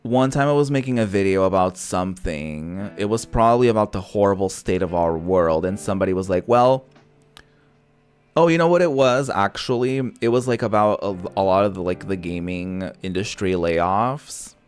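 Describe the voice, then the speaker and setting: Over background music, a gaming creator streams a visual novel, a native Portuguese speaker whose casual commentary is sassy, opinionated and freely profane. He has a deep, clear, resonant voice at a normal speed.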